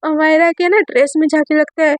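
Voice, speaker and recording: High-voiced chatty woman storyteller. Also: flat delivery, brisk, dry recording. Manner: chatty, many fillers. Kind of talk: casual spoken story narration.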